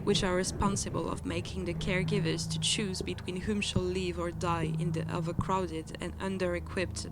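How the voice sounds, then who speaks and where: A woman's voice: on the low side, flat delivery, normal speed, few pauses, very noisy. A woman delivering a bitter, angry spoken-word monologue in non-native English. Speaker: performance artist. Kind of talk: spoken-word art piece over music. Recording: spoken over loud music. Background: loud music.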